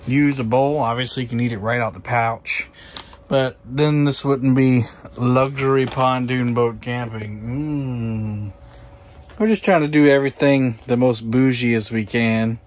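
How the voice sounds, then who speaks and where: An easygoing man talks through his evening on a pontoon boat, chatting loosely and pausing on filler words. His voice sits in an ordinary middle pitch. A faint outdoor hiss runs under the recording. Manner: relaxed, chatty, many "uh" fillers. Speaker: outdoor vlogger. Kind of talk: casual camping vlog talk.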